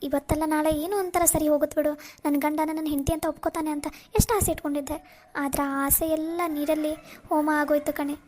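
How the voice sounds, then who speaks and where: A woman's voice: high-pitched, flat delivery, a little fast, darkish tone, lightly acted. [name], a woman voicing a tearful young wife. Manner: sorrowful, pleading, near tears.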